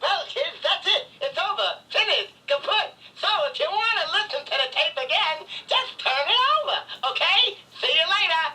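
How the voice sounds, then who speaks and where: An actor voicing an excitable young male cartoon rabbit, narrating a storybook read-along in a high, wild, lisping voice. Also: moderate pace, few pauses, recorded from a distance, slight background noise, full character voice, low-quality recording. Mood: excited.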